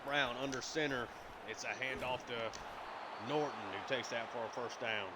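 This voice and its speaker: A man's voice: medium pitch, moderate pace, heavy background noise. Man calling a football video game. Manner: conversational, filler-heavy, hiccuping. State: has the hiccups. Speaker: gaming YouTuber. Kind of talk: play-by-play game commentary.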